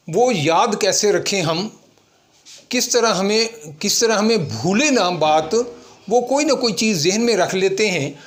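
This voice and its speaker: A male teacher lectures at an unhurried, deliberate pace. His voice sits high for a man. He keeps asking the class a question and then giving the answer himself. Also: fairly bright tone.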